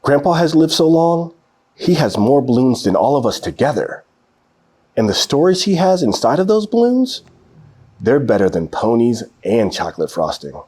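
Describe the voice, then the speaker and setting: A man performs a children's picture book read-aloud, telling the story expressively. His medium-pitched voice has a breathy edge and moves at a moderate pace.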